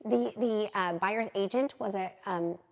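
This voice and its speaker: A realtor in her thirties, telling animated, candid stories as a podcast guest. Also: medium pitch, a little slow, creaky, low-quality recording. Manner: animated, candid, acts out quotes. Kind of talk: lively storytelling in an interview.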